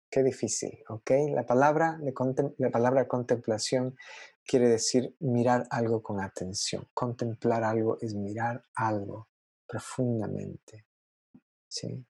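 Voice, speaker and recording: A young adult man preaching a sermon in a conversational, expressive way, often checking in with his listeners. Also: medium pitch, vocal fry, slightly rough, no room sound.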